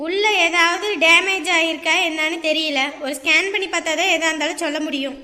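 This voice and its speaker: A woman's voice: extremely high pitch, steady tone, brisk, pushed and bright. Woman playing a stern scolding doctor. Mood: exasperated scolding. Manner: stern, lecturing, exasperated. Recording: echoey room with long reverb.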